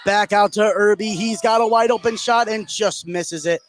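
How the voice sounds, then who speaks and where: At a moderate pace, a man gives energetic live radio commentary on a high school basketball game, rising as the play heats up.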